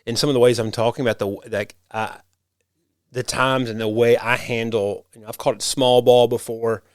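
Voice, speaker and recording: A man's voice: mid-range voice, flat delivery, fairly quick, smooth, dry recording, clean studio sound. A man hosting a podcast and serving as a rural pastor, talking in a reflective, rambling way with frequent restarts. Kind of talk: casual conversation.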